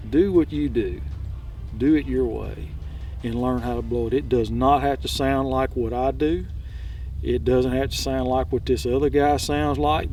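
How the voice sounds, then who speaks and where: A man's voice: medium pitch, a little mellow, far from the mic, a little hiss or hum. Plain-spoken man coaching, slightly off the mic. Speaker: duck calling instructor. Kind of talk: instructional talk with demonstrations. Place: outdoors, woods by water.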